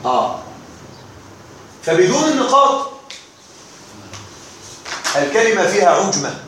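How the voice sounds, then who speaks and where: A man with a high voice teaches grammar to a live class in a roomy, echoing hall. He explains patiently, repeats the key terms and keeps asking whether the students follow. Faint background noise sits under his voice. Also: sing-song, measured pace, fairly bright tone. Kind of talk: classroom lesson.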